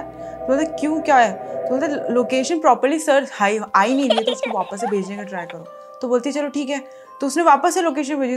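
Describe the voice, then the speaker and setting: Chatty young woman over music. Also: sits high. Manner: animated, mixes English into chat, reacts with gasps and laughs. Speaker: YouTuber reading creepy texts. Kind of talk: casual storytelling read-aloud.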